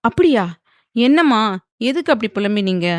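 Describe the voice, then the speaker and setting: A woman voices a determined young heroine, speaking firmly and earnestly at normal speed in an animated, fairly high voice pitched above her own natural one. The recording is dry and studio quality.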